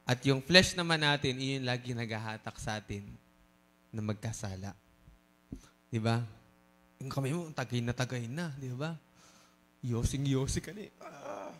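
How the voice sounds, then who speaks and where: A man preaching a sermon in a lively, teasing way, mixing in English phrases and joking asides to the congregation. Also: mid-range voice, moderate pace, pauses often. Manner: mixes Tagalog and English. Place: church service.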